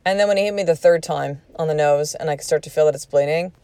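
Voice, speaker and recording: Deep-voiced and quick, this forties-aged woman is a podcast host sharing something from her own life, swearing freely and animatedly voicing other people's lines. The sound is smooth, with no room sound at all.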